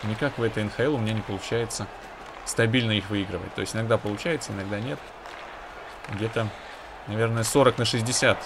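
A man's voice: lowish voice, fast talker, a crowd in the background, noisy background. A man giving casual, conversational commentary on his own hockey video game, with analytical asides to viewers.

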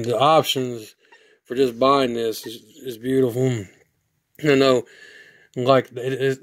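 Man, hoarse, casual product review, rambling, monotone, dry sound. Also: medium pitch, no room sound. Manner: rambling, flat delivery with restarts. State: hoarse from sinuses.

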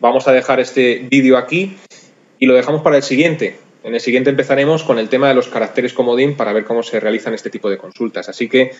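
A man narrating a software screencast tutorial in a conversational way, talking straight to his viewers. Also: mid-range voice, fast talker, dull audio. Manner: conversational, addresses viewers directly. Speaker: software instructor.

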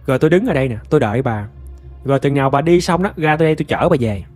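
A man voicing a reluctant middle-aged husband in a spoken ghost story, sounding flat and dismissive. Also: medium pitch, racing, faint music behind, close to an everyday voice.

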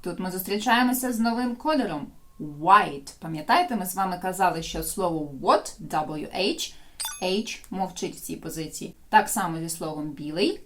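A woman teacher leads a video lesson, her voice animated and bouncing through a wide pitch range. She explains rules, then slows right down to model phrases for learners to repeat. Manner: explains in Ukrainian and slowly models English phrases for repetition. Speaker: English teacher.

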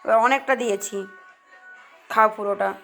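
A woman coaxing and pleading softly with a sulking child in a casual home video. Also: medium pitch, steady tone, normal speed, vocal fry, faint music behind.

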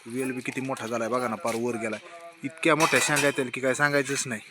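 A man's voice: mid-range voice, steady tone, quick pace, background noise. A young man chatting casually in a family vlog, talking to his children and wife as he walks around outdoors. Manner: chatty, talks to baby and family while walking around. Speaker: vlogger. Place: outdoors around a rural home and farm.

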